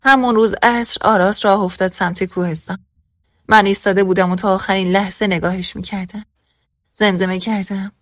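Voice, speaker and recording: Every character in this scripted first-person story gets the same steady narrating voice from the woman reading it aloud. She has a medium pitch, and the sound is clean studio quality, free of echo.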